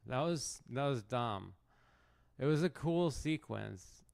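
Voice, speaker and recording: A man with a mid-range voice and vocal fry streams chess, offering casual, self-mocking commentary that rambles and restarts mid-thought. The stream recording is noisy.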